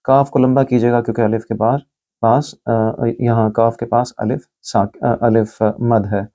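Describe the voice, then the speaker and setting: Male tajweed teacher, Pakistani Urdu accent, level mellow voice, patient letter-by-letter explanation, dull lo-fi recording. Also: mid-range voice, level tone. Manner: patient, explains letter by letter, recites phrases slowly. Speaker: Quran recitation teacher. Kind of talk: tajweed lesson with slow recited examples.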